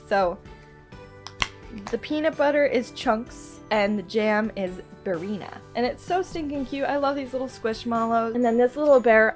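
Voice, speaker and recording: A woman's voice: fairly high pitch, a little mellow. A woman with a stuffy, nasal voice from a cold, chatting casually and gushing girlishly in a vlog. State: congested with a cold. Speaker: vlogger showing gifts to viewers.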